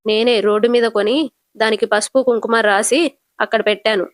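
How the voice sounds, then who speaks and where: A blunt young husband hurls scornful accusations, voiced by a woman. The voice stays on the high side and is dry and close. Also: level tone, brisk, no echo, lightly acted.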